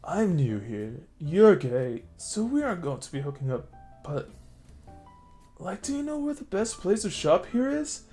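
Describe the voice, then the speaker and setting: A woman's voice: fairly low pitch, big pitch swings, unhurried, dark tone, faint music behind, voice pushed up. A man voicing a tipsy young woman who asks blunt, bewildered questions in a raised voice. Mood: deflated.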